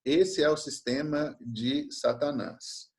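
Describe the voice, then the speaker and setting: A man's voice: fairly high pitch, fairly even intonation, takes it slowly, darkish tone. Man teaching a fathers' session. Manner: tells stories and acts out quoted lines.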